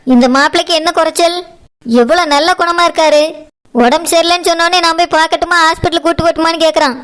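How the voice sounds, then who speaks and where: A woman's voice: very high-pitched, steady tone, quick pace, a bit bright. Woman voicing a domineering stern mother. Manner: harsh, commanding. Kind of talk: cartoon voice acting.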